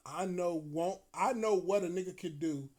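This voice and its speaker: A man telling a profane story in a casual, animated way, often breaking into laughter. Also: high-pitched, moderate pace.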